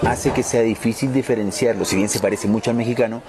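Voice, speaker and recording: A man's voice: medium pitch, steady tone, quick pace, noisy background. A man in dubbing explains his view thoughtfully in an interview, with music behind him. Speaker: dubbing actor. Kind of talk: interview answer.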